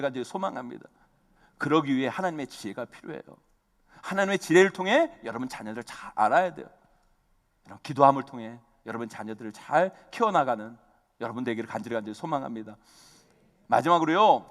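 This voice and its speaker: A middle-aged man preaching a sermon as pastor, animated, calling out to the congregation again and again. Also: a little high. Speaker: senior pastor. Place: church sanctuary. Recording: long reverb of a church hall.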